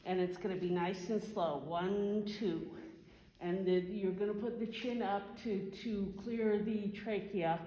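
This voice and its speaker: A woman instructor giving an informal hands-on first aid demonstration, explaining step by step and halting as she thinks. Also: mid-range voice, fairly even intonation, dark tone. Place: large reverberant room. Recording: echoey hall, faint background noise.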